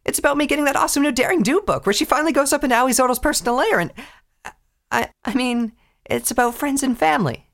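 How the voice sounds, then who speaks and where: A man's voice: very high-pitched, fast, creaky, a bit bright, voice pushed up, full character voice. A man voicing a brash, sporty young pony mare in a read-aloud fan story. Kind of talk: fan audio story reading.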